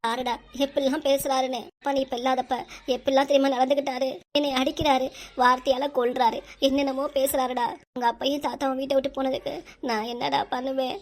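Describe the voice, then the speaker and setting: Brief: a woman as a plotting, whiny cartoon mother, Tirunelveli Tamil accent, high and quick. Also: little pitch movement. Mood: whining. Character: scheming middle-aged mother who fakes crying. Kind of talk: cartoon voice acting.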